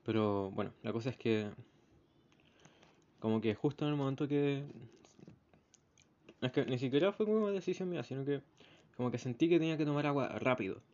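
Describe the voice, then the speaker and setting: In a casual spoken diary, a young Chilean Spanish-accented man recounts a bus ride, rambling and performing the voices of the people he describes. His mid-range voice is a little mellow and a little fast, broken by long pauses, on a slightly muffled recording with faint background noise.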